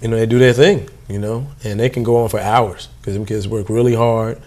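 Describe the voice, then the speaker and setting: A man's voice: lowish voice, fairly quick. A man, a youth program staffer, talking casually in an interview with many fillers. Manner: relaxed, informal, many fillers.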